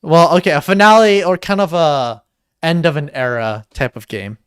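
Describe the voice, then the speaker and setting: A man co-hosting a livestream in casual chat, excitable and jokey, swearing now and then. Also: fairly high pitch, moderate pace, clean tone, dry recording, clean studio sound. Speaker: stream co-host.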